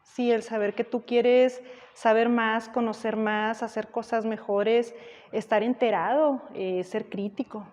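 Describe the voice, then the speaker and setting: A woman from Sinaloa, Mexico, giving a relaxed, conversational personal testimony. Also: a little high, a little slow, big-room sound.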